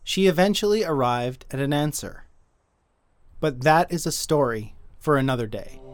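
A man narrating his own written audio story in a measured, dry storytelling manner. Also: fairly high pitch, animated, a little hiss or hum. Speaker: writer and narrator.

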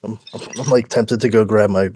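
A man's voice: lowish voice, fairly even intonation, fairly quick, warm tone, slightly rough, no echo. A man appearing as a podcast guest, stammering and self-deprecating in casual chat.

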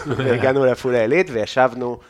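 A man's voice: mid-range voice, fairly even intonation. Casual Israeli man hosting a chat. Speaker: podcast host. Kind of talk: casual chat, anecdotal storytelling.

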